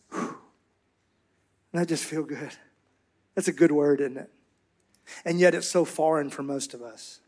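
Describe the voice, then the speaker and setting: A man with a fairly high voice preaches to a church congregation. He rallies the room with fervent calls, then drops to slow, soft, emphatic words. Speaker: pastor. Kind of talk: sermon.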